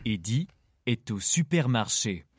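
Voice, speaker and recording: A man narrating a short language-app story in plain, even sentences. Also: medium pitch, slow pace, slightly rough, no echo, studio quality, full character voice. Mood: neutral.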